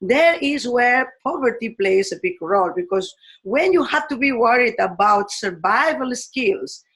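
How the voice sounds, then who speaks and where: Lady teacher talking real slow and thoughtful, lots of pauses. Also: fairly high pitch, lively intonation, fairly bright tone, low-quality recording. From Spain. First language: Spanish. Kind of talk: reflective talk on education.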